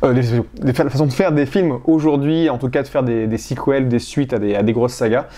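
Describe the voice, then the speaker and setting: A man's voice: mid-range voice, steady tone, a little fast, mellow. A man from France talks through his film collection in a casual vlog, hesitant, with many fillers and restarts. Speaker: collector showing his purchases.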